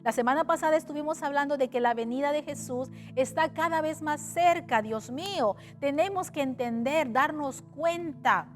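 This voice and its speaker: High-voiced woman preaching over soft music. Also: moderate pace, hardly any pauses. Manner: earnest, acts out complaining voices. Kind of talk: online church sermon.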